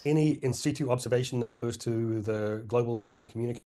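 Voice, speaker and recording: At a scientific conference, a middle-aged man presents quickly in a mid-range, dark voice. He's hoarse, clears his throat, and uses many fillers and restarts.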